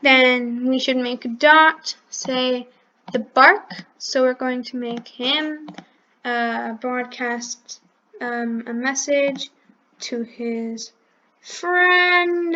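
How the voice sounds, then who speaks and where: A woman hosts a coding tutorial and explains each click as she goes. She talks unhurriedly in a high voice and often stops to correct herself. The recording sounds a little dull and lo-fi. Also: steady tone, drawn-out words, sharp tone, a little hiss or hum. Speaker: channel host teaching coding.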